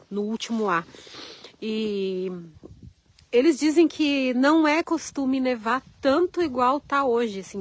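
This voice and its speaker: A chatty woman from Rio with a Carioca accent, vlogging live outside in the cold on her phone. Her voice sits a little high, and she greets viewers by name as she wanders around. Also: poor audio. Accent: Carioca Brazilian Portuguese. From Rio de Janeiro, Brazil. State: cold, chilled hands. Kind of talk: live-stream chat outdoors, reading viewer comments. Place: outdoors at a snowy RV park.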